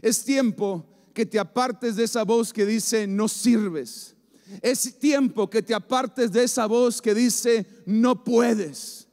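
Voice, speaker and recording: A man preaching a sermon to a church congregation, emphatic and repetitive, building phrases up to shouts. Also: very high voice, fairly even intonation, measured pace, hardly any pauses. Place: church service before a congregation. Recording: long reverb of a large hall.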